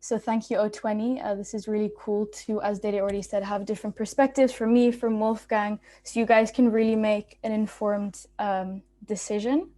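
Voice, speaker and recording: A woman's voice: mid-range voice, fairly even intonation, moderate pace, few pauses, mellow. A young woman from Belgium, a student speaker, giving a casual, informal talk on a video call with many ums and restarts. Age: young adult.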